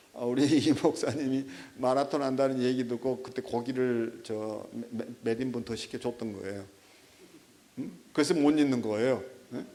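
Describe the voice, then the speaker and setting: A middle-aged man preaching a sermon as a pastor, telling stories with animation and prodding his listeners with quick rhetorical checks. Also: medium pitch, darkish tone.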